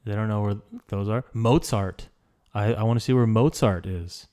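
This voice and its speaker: A man's voice: lowish voice, moderate pace, warm tone. A man hosting a casual solo podcast from a small room, rambling with stammered restarts and fillers. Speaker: podcast host. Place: small hot room indoors.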